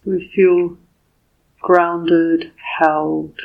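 A woman meditation teacher guides a meditation in a soft, slightly husky voice, speaking gently and deliberately with pauses between short phrases. Her pitch is fairly low, her delivery flat, and the audio has a phone-like quality.

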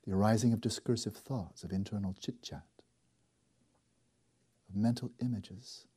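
Soft-spoken husky man guiding meditation. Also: fairly low pitch, fairly even intonation. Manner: slow, soft and deliberate, with long pauses. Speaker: meditation teacher. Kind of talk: guided meditation.

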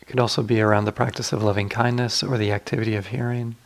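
A man with a fairly low, creaky voice leads a guided meditation, his delivery flat throughout. As the teacher, he offers calm, unhurried guidance punctuated by long pauses.

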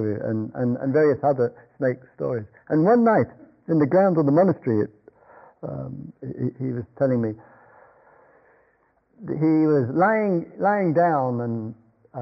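An older man gives a meditation talk, rambling through an anecdote with chuckles and restarts. His mid-range voice is gravelly, and the talk recording is dull and lo-fi.

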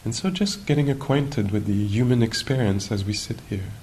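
At a retreat, a male meditation teacher guides a session in an unhurried, musing manner, posing gentle questions and leaving long pauses. The live recording is noisy, with a low rumble underneath.

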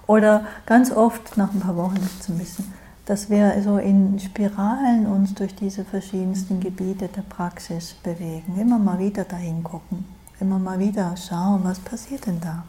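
A woman meditation teacher gives a dharma talk in a mid-range voice that is steady and warm. She speaks slowly and reflectively, frequently checking in with "ja?".

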